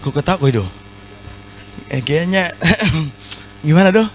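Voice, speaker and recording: A man with a Batak accent preaching a sermon in a large church, animated and full of playful asides to the congregation. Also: on the high side, a little slow, slight background noise, low-quality recording. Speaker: pastor.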